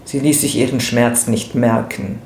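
A man reading literary prose aloud in a measured, expressive way. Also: mid-range voice, vocal fry. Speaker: reader. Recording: roomy with faint noise.

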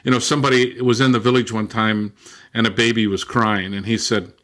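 An older man, a professor and former missionary, answering interview questions with reflective anecdotes and a loud lecturing habit. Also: on the low side, little pitch movement, a little fast. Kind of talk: conversational interview storytelling.

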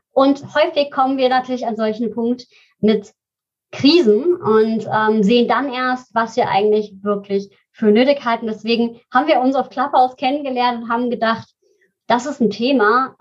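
A woman hosts an interview and introduces her guest with enthusiasm. Her voice sits somewhat high, and the recording is dull and lo-fi. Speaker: podcast host. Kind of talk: conversational interview.

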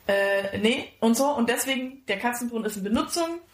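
Excitable woman podcast co-host, gushing, casual chat, roomy sound. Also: a little high, fairly quick. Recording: echoey room.

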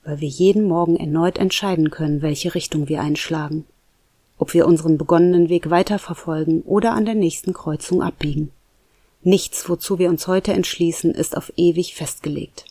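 A storyteller voicing a calm, patient male roommate who gently guides a friend, in a dry, close recording. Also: medium pitch, moderate pace, no echo, lightly acted.

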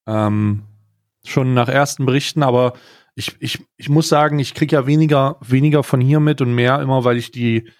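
Mann im heimstudio, ganz trockener sound, redet sich in rage. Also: male voice, medium pitch, fairly even intonation, normal speed, no room sound, clean studio sound. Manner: indignant, hesitant restarts, ranting. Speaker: podcast co-host. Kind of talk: casual political chat. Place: home studio.

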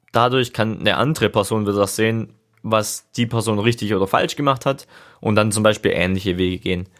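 A young man talking casually and reflectively on a solo podcast, thinking aloud in an informal, rambling way. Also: lowish voice. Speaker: podcast host. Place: seated, leaning back in a chair.

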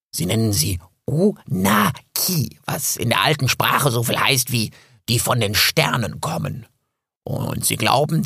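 A man voicing a grumpy, scruffy male raven in an audiobook, croaking and scolding theatrically. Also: medium pitch, sharp tone, no room sound, clean studio sound, pitched above the performer's own voice, heavily acted. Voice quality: gravelly, husky croak. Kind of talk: audiobook character voice.

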